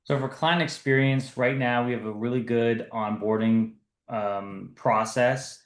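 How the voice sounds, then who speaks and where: A man's voice: mid-range voice, steady tone, unhurried, reverberant. A man in his thirties from the US East Coast, a business founder telling his story earnestly in a podcast interview. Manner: earnest, repeats words when restarting.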